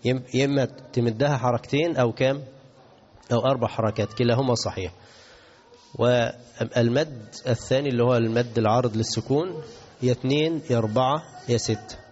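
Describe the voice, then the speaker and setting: Egyptian sheikh teaching in a hall. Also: male voice, medium pitch, brisk, darkish tone, faint music behind. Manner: asks the audience questions and answers himself, mixes classical and colloquial. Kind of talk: religious lesson. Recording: dull recording in a reverberant hall.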